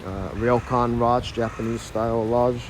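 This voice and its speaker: The audio is poor, with a little hiss or hum, yet the man's mid-range voice comes through unhurried and fairly even in intonation. He's an Ohio native in his thirties with an American accent, casually guiding a live-streamed walking tour outdoors on an old city street, chatty and heavy on fillers, shooting on a phone camera in hand as he walks.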